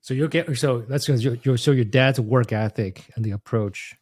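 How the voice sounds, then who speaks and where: A man's voice: medium pitch, normal speed, a little mellow. A man from Taiwan hosting a podcast interview, asking questions and giving short affirmations. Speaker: podcast host. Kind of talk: casual interview.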